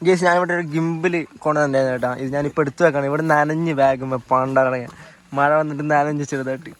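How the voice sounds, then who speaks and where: Fast, chatty male travel vlogger with a fairly high voice, outdoors on a rainy trail. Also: fairly even intonation. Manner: chatty, addresses viewers as guys. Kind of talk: casual travel vlog commentary to viewers.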